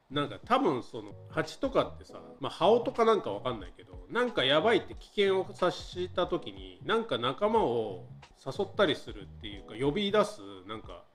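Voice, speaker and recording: A man tells a true scary story in a lively, casual way, and his voice swings widely as he acts out quotes and buzzing wasps. He is a little higher-voiced than most men. Soft music plays underneath. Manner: animated, acts out quotes and buzzing sounds, laughs often. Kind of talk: casual storytelling from a live stream.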